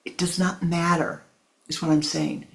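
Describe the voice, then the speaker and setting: In a rough recording, a spiritual teacher talks at a measured pace with a flat delivery, the mid-range voice gentle and tender but gravelly. Phrases come back for emphasis, listeners are addressed as "my love," and sometimes the speech falls almost to a whisper.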